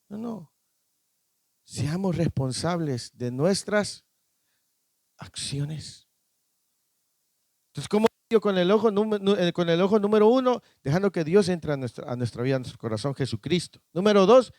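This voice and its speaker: High-voiced male preacher, dry sound. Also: a little mellow, dry recording. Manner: preaching with call-and-response questions to the congregation. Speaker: pastor. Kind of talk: sermon. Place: church.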